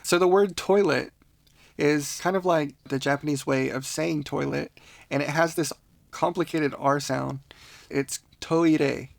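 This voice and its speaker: A man's voice: fairly high pitch, steady tone, a little slow, creaky, dry recording. A man teaching a casual beginner language lesson on a podcast, patient and laughing often.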